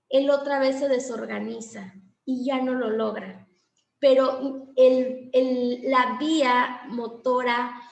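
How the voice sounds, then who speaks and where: A woman teaches a class on language therapy at a slow, deliberate pace. Her voice sits high and has a gravelly edge. The recording carries a noticeable room echo. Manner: explanatory, acts out child and teacher exchanges. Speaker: teacher trainer.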